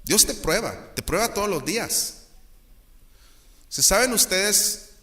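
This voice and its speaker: A man's voice: high-pitched, lively intonation, slow pace, sharp tone. A man with a Mexican Spanish accent preaching a sermon as pastor, joking with his listeners and acting out the voices he quotes.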